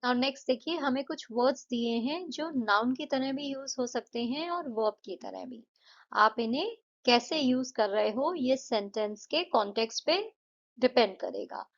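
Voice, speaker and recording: A woman teacher explaining textbook answers, reading English questions slowly and explaining them in Hindi mixed with English. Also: on the high side, gravelly. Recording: dull lo-fi recording.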